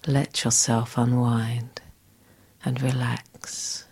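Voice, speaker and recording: A woman guiding a scripted relaxation exercise in a soft, soothing, breathy, near-whispered voice. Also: a bass voice, flat delivery, very slow. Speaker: relaxation guide.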